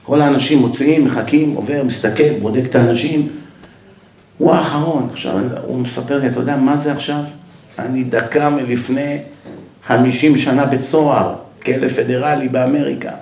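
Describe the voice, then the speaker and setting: Animated rabbi telling a story, echoey room. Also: male voice, medium pitch, a little hiss or hum. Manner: animated storyteller who acts out the dialogue. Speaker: rabbi giving a Torah lecture. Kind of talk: storytelling sermon.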